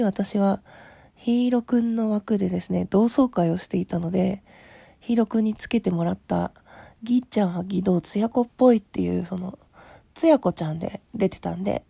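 A woman with a husky, rough morning voice, hoarse from sleep, chatting casually and politely as a podcast host replying to listener letters, often trailing into soft murmurs. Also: mid-range voice, dry recording. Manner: polite, appreciative. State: hoarse from having just woken up.

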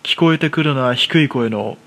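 This radio drama narration comes from a man cast as a nervy, self-belittling recluse in his thirties, relating his own horror story in rough everyday speech. The voice is mid-range and a bit bright, the pace moderate, and the feeling uneasy.

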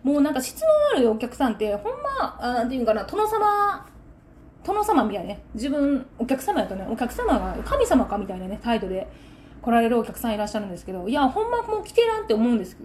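A woman with a Kansai accent talks through a solo podcast episode, indignant and animated as she vents about a rude customer. Her voice sits a bit high and leaps up and down in pitch. A faint noise floor hums under the recording. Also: fast. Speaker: takoyaki shop owner and podcast host.

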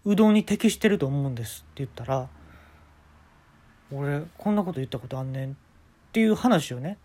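A young man with a Kansai accent hosting a casual talk show, telling absurd stories deadpan with sudden leaps in pitch. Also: fairly quick. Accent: Kansai Japanese. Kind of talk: casual storytelling monologue.

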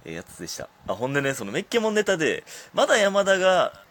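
A man's voice: sits high, wildly swooping pitch, quick pace, fairly bright tone. A man with a Kansai accent, a comedian chatting casually on his own talk show, self-deprecating and laughing often at his own stories. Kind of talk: casual solo radio talk.

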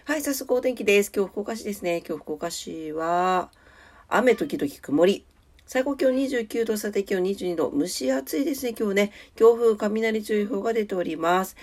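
A congested, nasal-voiced woman hosts a morning audio show by herself, offering polite, chatty remarks on weather and the day's notes. She speaks at a moderate pace with a mid-range, a little mellow voice and lively intonation.

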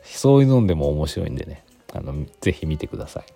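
A man's voice: a bass voice, very animated, fast, vocal fry, mellow, faint music behind. A man in his forties from Aichi with an Aichi accent, chatting casually and rambling through many fillers as a podcast host. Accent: Aichi Japanese. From Aichi, Japan. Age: 40s. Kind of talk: casual solo chat.

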